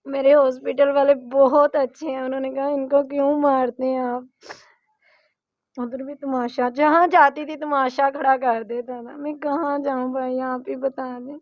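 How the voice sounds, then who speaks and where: A woman's voice: sits high, little pitch movement, no room sound, lo-fi sound. A mother, telling of her hardship in a pleading, distressed voice. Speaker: interviewee, mother.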